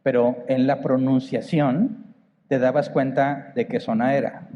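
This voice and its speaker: In a large church hall, a pastor with a northern Mexican accent preaches conversationally, putting rhetorical questions to the congregation. His mid-range voice is warm, level and a little slow, and the lo-fi recording carries a slight hiss or hum.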